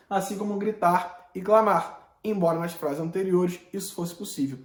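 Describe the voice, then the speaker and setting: A man's voice: sits high, a little mellow, reverberant. A Brazilian man teaching a Portuguese lesson in a conversational, explanatory way, with casual slang and rhetorical questions. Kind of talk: online lesson lecture.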